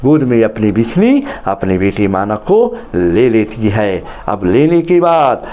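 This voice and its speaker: A man's voice: fairly low pitch, big pitch swings, slow, lo-fi sound. A man who, as a teacher, retells a story for a lesson in a dramatic, repetitive way.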